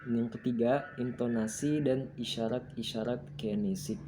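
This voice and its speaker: A young man presenting coursework as an explanatory lesson, working through points one by one in a steady, methodical way. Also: mid-range voice, moderate pace, background noise.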